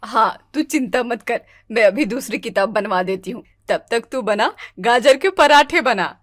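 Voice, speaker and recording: A woman's voice: a little high, expressive, a little slow, voice pushed down. A woman voicing a strict, domineering older mother-in-law in a cartoon, with a commanding, scolding manner. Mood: stern. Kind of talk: cartoon voice acting.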